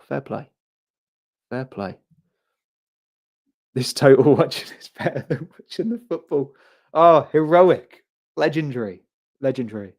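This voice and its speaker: A man's voice: medium pitch, creaky, darkish tone. A man hosting a live stream, rambling through casual commentary and reading viewer comments aloud, often repeating himself. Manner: rambling, repeats phrases, frequent restarts. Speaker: livestream host.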